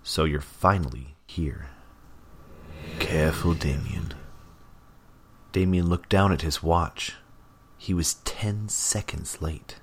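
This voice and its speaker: A man narrating an audiobook in a measured, even way. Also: sits low, a little hiss or hum.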